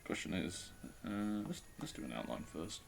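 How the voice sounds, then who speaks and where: Deep-voiced man chatting while drawing. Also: sing-song, moderate pace, vocal fry, faint music behind. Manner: self-deprecating, chatty, thinking aloud. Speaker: streamer. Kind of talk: casual live-stream commentary while drawing.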